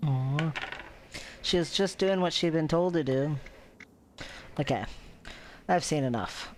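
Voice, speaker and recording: A man reacts casually during gameplay. His voice is on the high side and very slow-paced, with faint noise in the recording. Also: a little mellow. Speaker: gameplay streamer.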